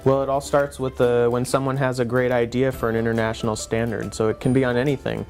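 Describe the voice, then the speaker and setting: A man's voice: medium pitch, little pitch movement, quick pace, a little mellow, soft background music. A man presenting an explainer in a patient, conversational teaching manner. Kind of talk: semi-scripted explanatory dialogue.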